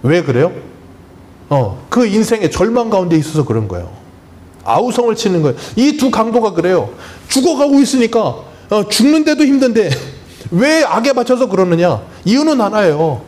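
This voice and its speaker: A man's voice: high-pitched, very animated, moderate pace, a little mellow. A man preaching a Sunday sermon as pastor, emphatic and full of rhetorical questions to the congregation. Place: church sanctuary.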